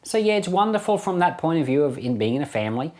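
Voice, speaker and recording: The voice is fairly high, fast and sing-song, with a darkish tone: a middle-aged man giving relaxed Bible commentary as a pastor. As host of a Bible podcast, he explains conversationally and keeps repeating phrases to stress them.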